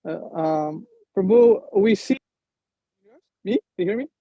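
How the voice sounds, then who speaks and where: A man's voice: high-pitched, lively intonation, no room sound, highs cut off. Man on a choppy, cutting-out video call. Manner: halting, with many fillers. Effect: choppy audio cutting out over a video call. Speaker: caller asking a question. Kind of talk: audience question in an online class.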